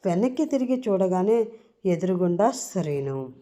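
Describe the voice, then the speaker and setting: A woman narrating a serialized romance story in a steady, expressive way. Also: fairly low pitch, normal speed.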